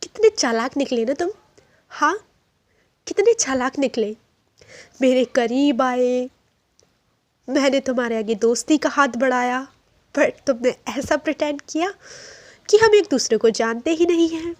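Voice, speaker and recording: A woman's voice: high voice, expressive, a little slow, long pauses, no room sound. A woman voicing a hurt, angry young man who bitterly accuses the friend who deceived him, mixing in English phrases. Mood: hurt, accusing.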